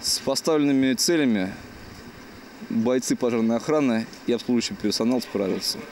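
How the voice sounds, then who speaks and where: A man in his forties, a fire officer, giving a formal, measured statement outdoors. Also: mid-range voice, darkish tone, slight background noise. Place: outdoors beside a fire truck. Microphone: handheld reporter microphone.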